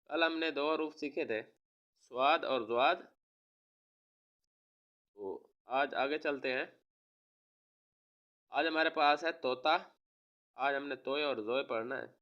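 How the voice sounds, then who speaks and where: A man from Pakistan, a teacher giving a recorded lesson to young children, slowly spelling out words and repeating them. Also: medium pitch, highs cut off. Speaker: online school teacher.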